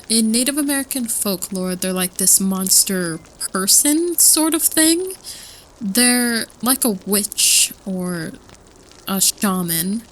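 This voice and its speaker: In a casual campfire storytelling roleplay, a woman plays a nervous student rambling through spooky folklore, hesitant and repeating herself with nervous excitement. Her voice is medium-pitched, a bit bright, and lightly acted. The audio is poor, with a little hiss or hum.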